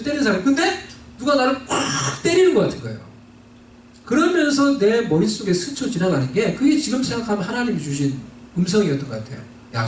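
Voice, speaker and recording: A man delivers a storytelling sermon in a high, animated voice that rises and falls widely. He sits back from the microphone in a roomy church, with faint noise underneath. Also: distant mic. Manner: storytelling, switching between Korean and English. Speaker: pastor. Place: church sanctuary.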